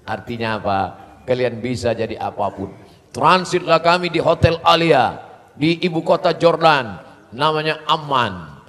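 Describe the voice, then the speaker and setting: Lively man preaching in a reverberant hall. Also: medium pitch, unhurried, slight background noise. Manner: lively, humorous, animated storytelling. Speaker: Islamic preacher. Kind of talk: sermon to students.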